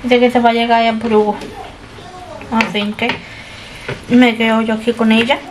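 Background noise fills this casual vlog, where a young woman who runs a family channel narrates her kitchen chores to camera in a meandering way. Her voice is a little high and level, at a normal speed, in a small indoor kitchen.

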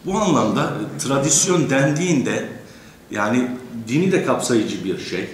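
A man's voice: medium pitch, lively intonation, a little hiss or hum. Hesitant man lecturing in an echoey room. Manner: hesitant, many drawn-out fillers; courteous, addresses teachers in the audience. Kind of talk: academic lecture.

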